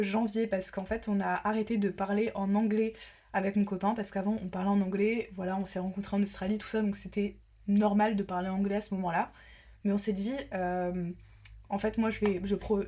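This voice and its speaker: A woman's voice: mid-range voice, darkish tone. A young woman from France talking casually to the camera, chatty and full of fillers and restarts. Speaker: vlogger.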